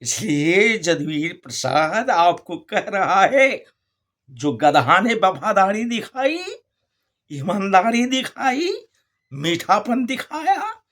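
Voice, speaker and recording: A man's voice: high-pitched, very animated, a bit bright. A male preacher telling a moral folk fable in a sermon, repeating phrases and asking the listeners rhetorical questions. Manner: drawn-out, storytelling delivery.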